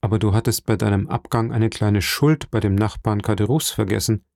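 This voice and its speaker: A man reading an audiobook, voicing a frail, gentle old father who speaks softly and wearily. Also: lowish voice, fairly even intonation, fairly quick, gravelly, dry recording, studio quality. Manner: soft, weary, hesitant. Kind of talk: audiobook character voice.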